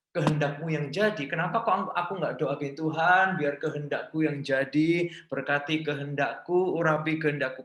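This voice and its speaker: A man with an Indonesian accent preaching a sermon as a pastor, mixing in English phrases and swinging from loud emphasis to hushed lines. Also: a little high. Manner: switches often between Indonesian and English phrases. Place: large church hall. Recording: echoey church hall.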